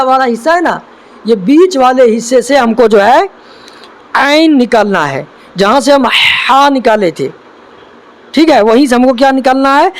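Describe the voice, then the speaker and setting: Man, Quran teacher, beginners' lesson, slow drawn-out letters, patient questions, high pitch. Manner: draws out each letter slowly, then explains with questions.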